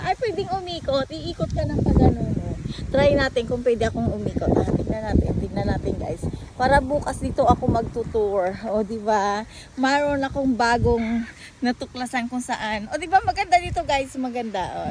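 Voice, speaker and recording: A woman's voice: on the high side, expressive, normal speed, heavy background noise. Chatty, joking woman vlogging outdoors. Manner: chatty and joking, mixing in English phrases, laughing often. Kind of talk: casual walking vlog. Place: outdoors by a park pond.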